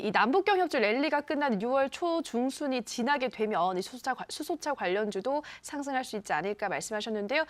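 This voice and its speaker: A woman hosting a stock consultation show, politely summarizing advice and reading out viewers' text messages. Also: fairly high pitch. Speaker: show host.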